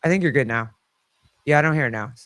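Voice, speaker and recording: A man's voice: mid-range voice, fast talker, a bit bright, no room sound. A man hosting a casual live call-in stream, talking informally and swearing freely. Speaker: livestream host.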